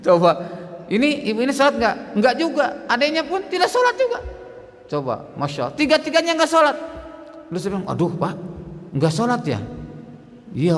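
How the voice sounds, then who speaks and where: A man's voice: on the high side, creaky. A man preaching at a mosque, telling a story dramatically and acting out the dialogue. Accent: Indonesian. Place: mosque hall. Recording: long hall reverb in mosque.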